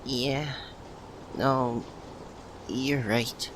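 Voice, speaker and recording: A man in a mid-range voice plays a shy, lovesick university student, the nervous childhood best friend, in an ASMR roleplay. He sounds nervous, speaking hesitantly with stammers and pauses in a soft, emotional monologue to the listener. A steady background ambience is noticeable.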